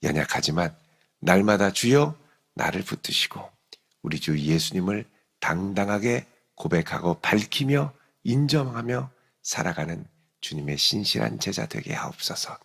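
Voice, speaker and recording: A man preaching an early-morning sermon as pastor, animated and acting out quotes. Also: deep voice, unhurried, gravelly, slightly rough, in a large hall. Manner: animated, acts out quotes and dialect jokes. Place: church sanctuary.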